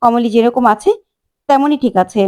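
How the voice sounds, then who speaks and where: A woman's voice: on the high side, moderate pace, darkish tone, natural voice. A woman voicing a protective, hot-tempered middle-aged uncle in a retold family serial. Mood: firm. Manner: firm, insistent.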